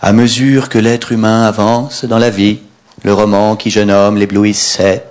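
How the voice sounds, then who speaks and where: A man reading aloud as a grandiloquent poet under arrest, pronouncing every syllable slowly and solemnly. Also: on the low side, flat delivery, darkish tone, close to an everyday voice. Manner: over-articulated, syllable by syllable, solemn.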